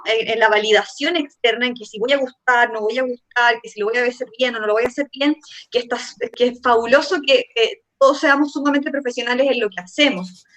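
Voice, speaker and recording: A woman's voice: fairly high pitch, fairly bright tone. A woman, a communication trainer speaking earnestly in an online seminar. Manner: reflective, earnest, with fillers.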